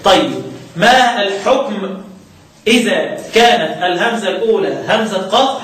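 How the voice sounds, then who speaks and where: High-voiced Egyptian sheikh in an echoey room. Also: male voice, slight background noise. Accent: Egyptian Arabic. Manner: chants verses slowly, then explains in lively colloquial speech with rhetorical questions. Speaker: Quran recitation teacher. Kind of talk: religious lesson explaining a chanted poem. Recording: very echoey room, mic far off.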